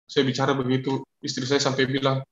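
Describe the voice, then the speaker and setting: A man giving an emotional personal faith testimony as a guest, speaking haltingly and repeating his phrases. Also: medium pitch, monotone, echoey room, dull audio.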